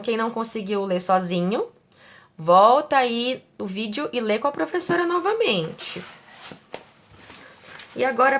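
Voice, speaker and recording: A woman teacher speaking slowly and carefully, sounding out words syllable by syllable for young pupils and asking them questions. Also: mid-range voice, a bit bright. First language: Portuguese. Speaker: primary school teacher. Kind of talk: slow, careful classroom instruction.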